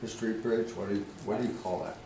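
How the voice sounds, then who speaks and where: Audience man, low voice, halting question, far and roomy. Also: steady tone, warm tone, slight background noise. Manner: halting, repeats words as he asks. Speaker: audience member. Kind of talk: question from the floor. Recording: echoey room from far off.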